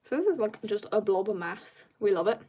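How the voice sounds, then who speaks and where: While drawing on a relaxed livestream, this woman reads and replies to chat messages, then trails off into soft muttering as she works; she remarks that she's tired. She talks briskly at medium pitch, expressive with a breathy edge.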